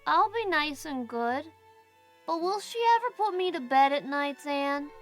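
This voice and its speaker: A woman acts out a stubborn little storybook boy with a very high voice. He is blunt and insistent, full of questions, and talks in childish grammar over faint music. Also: lively intonation, a little slow. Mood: earnest. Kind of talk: audiobook character acting.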